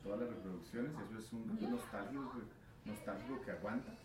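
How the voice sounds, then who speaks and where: A man bantering as a podcast co-host, joking and muttering punchlines low. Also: fairly quick. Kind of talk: casual banter. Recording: roomy studio with chatter.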